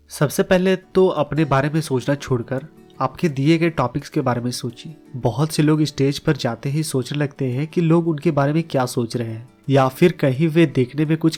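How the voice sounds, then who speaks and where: Male narrator, scripted explainer read, steady delivery, slightly high voice, soft music bed. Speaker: audiobook summary narrator. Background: faint background music.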